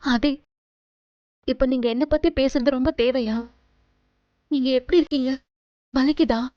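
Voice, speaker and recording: An actress playing a devoted young wife in a TV serial, tearful and pleading, speaking. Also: female voice, high-pitched, fairly even intonation, measured pace, no room sound, lo-fi sound. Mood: worried. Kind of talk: TV serial acting.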